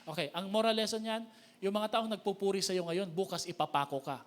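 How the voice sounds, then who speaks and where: A Filipino man with a Filipino accent preaching a sermon as a pastor, lively and joking, calling on the congregation to respond. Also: high-pitched, a little fast. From Philippines.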